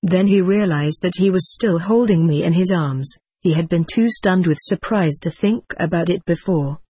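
A man's voice: high-pitched, moderate pace, darkish tone, breathy edge, dry recording. A man reading a first-person adventure story aloud with dramatic expression. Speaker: audiobook narrator.

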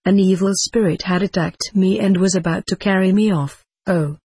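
A man's voice: high voice, steady tone, normal speed, a little mellow, breathy edge, dry recording. A man reading a first-person adventure story aloud with dramatic expression. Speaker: audiobook narrator.

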